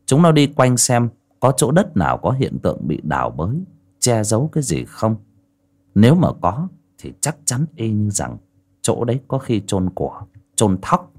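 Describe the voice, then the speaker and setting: Expressive male audiobook narrator. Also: on the low side, moderate pace. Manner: expressive, storytelling cadence. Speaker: storyteller.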